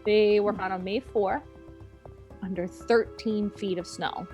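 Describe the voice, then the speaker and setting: A woman's voice: mid-range voice, steady tone, a little slow. A young woman co-hosting a podcast, telling a story in a playful, chatty way with jokey asides. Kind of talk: casual storytelling chat. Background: soft background music.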